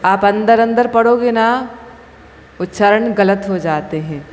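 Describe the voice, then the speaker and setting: A woman's voice: mid-range voice, slow pace. A woman who is a Jain nun, leading a scripture recitation class and patiently correcting pronunciation syllable by syllable. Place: temple hall. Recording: long hall reverb, faint room noise.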